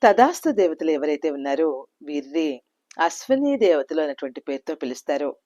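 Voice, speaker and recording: Woman host, very low voice, measured intro, dry close mic. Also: big pitch swings, warm tone, no room sound, dull audio. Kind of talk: channel introduction.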